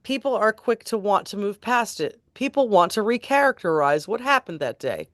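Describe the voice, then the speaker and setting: A woman reading court transcript passages aloud in a steady, deliberate way and adding her own remarks. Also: medium pitch, no room sound, clean studio sound. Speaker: tribute band host reading court transcripts.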